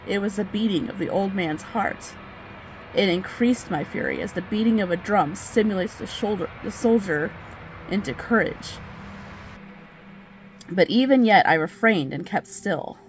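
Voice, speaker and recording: A woman's voice: mid-range voice, measured pace, a little hiss or hum, lightly acted, low-quality recording. A woman playing a crazed, nervous murderer in a theatrical, hammy stage reading of a gothic horror story, drawing out words with obsessive intensity. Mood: agitated, insistent.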